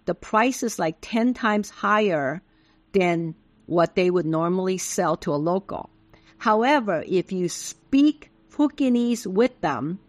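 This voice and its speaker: As an interview guest, a patient middle-aged Taiwanese woman who grew up speaking Taiwanese Hokkien explains her answers in a lowish voice, with no echo in the recording.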